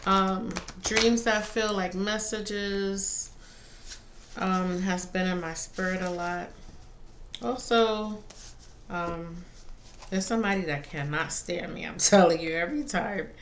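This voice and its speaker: A woman giving a casual spiritual card reading to viewers, pausing between phrases. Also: medium pitch, steady tone. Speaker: tarot and oracle card reader. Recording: faint background noise.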